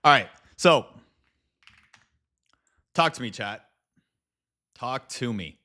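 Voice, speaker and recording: A man's voice: mid-range voice, animated, slow pace, bright, forceful tone. A man livestreaming in a casual chat with viewers, speaking informally with slang and some swearing. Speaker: live streamer and video creator.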